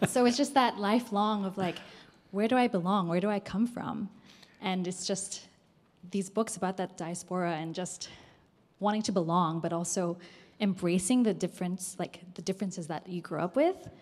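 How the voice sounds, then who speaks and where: A woman's voice: mid-range voice, normal speed, a little mellow. A woman from the Philippines with an American accent, sharing enthusiastically in a book discussion. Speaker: book club participant.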